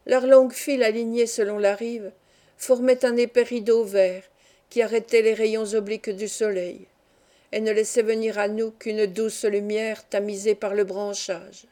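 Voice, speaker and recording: A woman reading a classic novel aloud as an audiobook, in a calm, even storytelling manner. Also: medium pitch, moderate pace. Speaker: audiobook reader. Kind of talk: scripted narration of a classic novel.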